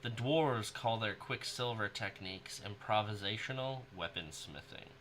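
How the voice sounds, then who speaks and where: Man reading in a soft ethereal hush. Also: lowish voice, normal speed, a little hiss or hum. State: soft, ethereal, dreamy hushed voice. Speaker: card game hobbyist. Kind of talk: reading card flavor text aloud.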